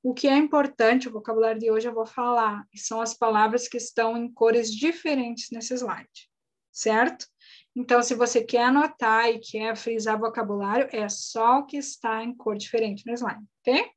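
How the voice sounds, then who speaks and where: A woman with a fairly high voice, teaching English in a recorded lesson recap. She explains things patiently and slowly and spells words out letter by letter. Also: steady tone.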